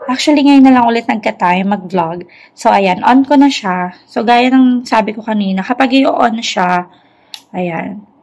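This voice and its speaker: A young woman and teacher, talking softly and chattily at home at night in a casual product review vlog. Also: a little high, unhurried, creaky, dull audio. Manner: talks softly, near a whisper, at night; chatty, mixing Tagalog and English. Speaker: teacher reviewing a lapel mic.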